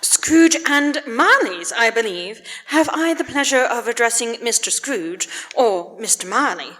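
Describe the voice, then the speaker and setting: Casting: polite charity lady, high voice, formal and genteel, radio drama in an echoey hall. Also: animated, a little slow, fairly bright tone. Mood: courteous. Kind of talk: live radio-play acting. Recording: live in echoey church hall.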